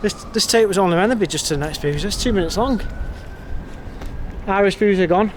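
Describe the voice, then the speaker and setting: Fairly quick and high-pitched, an English man narrates a casual walking vlog with blunt, sweary, wry commentary. He starts outdoors on nighttime town streets and ends up inside a pub, with a little hiss or hum in the background.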